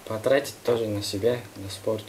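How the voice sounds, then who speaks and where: A young man guest answering interview questions in short, halting phrases. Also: on the low side, fairly even intonation, a little mellow, a little hiss or hum. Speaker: fighter guest.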